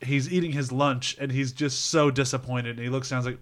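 A man hosting a casual film discussion podcast, relaxed and hesitant, with many fillers. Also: mid-range voice, brisk. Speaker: podcast host.

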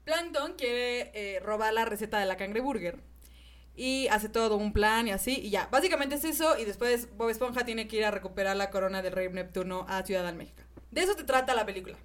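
A woman in her twenties with a Mexican accent, hosting a podcast and telling stories in a lively way, laughing often. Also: medium pitch, a little fast. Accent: Mexican Spanish. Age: 20s. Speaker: podcast host. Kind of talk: casual chat.

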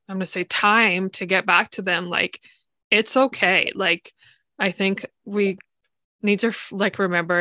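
A woman hosting a casual interview, phrasing haltingly and peppering her sentences with filler "like". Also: fairly low pitch, bright, forceful tone, no room sound. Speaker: interview host.

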